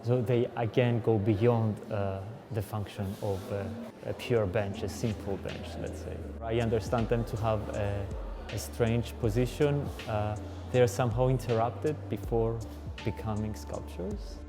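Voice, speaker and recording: A man speaking reflectively and hesitantly in a documentary interview, with many pauses and fillers. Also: fairly low pitch, steady tone. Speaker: artist. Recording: clear music underneath.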